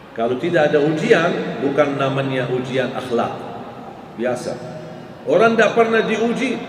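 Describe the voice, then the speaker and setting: A man giving a sermon, telling stories and raising his voice high on key words. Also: far from the mic. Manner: storytelling, pitch rising sharply for emphasis. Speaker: preacher. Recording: echoey hall with faint ambient noise.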